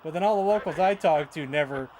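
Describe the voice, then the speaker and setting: A man's voice: fairly high pitch, fast, darkish tone, a little hiss or hum, rough recording. A man with a Michigan accent chatting casually and rambling, often repeating words as he tells stories. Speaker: streamer. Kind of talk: casual chat.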